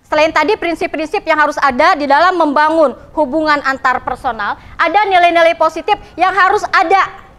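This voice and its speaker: A woman with a West Javanese accent teaches her class in a high, clear voice. She keeps turning to the students with quick questions and small tags like "ya" and "gitu" as she explains. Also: a bit bright. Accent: West Java. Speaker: vocational school teacher. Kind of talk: classroom lesson.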